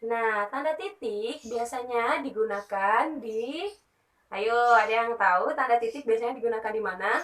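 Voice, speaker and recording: Slow, bright-voiced woman teacher. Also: fairly high pitch, roomy sound, recorded from a distance, low-quality recording. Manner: slow, patient explaining with frequent "nah" and "ya". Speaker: primary school teacher. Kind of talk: teaching a lesson for young children.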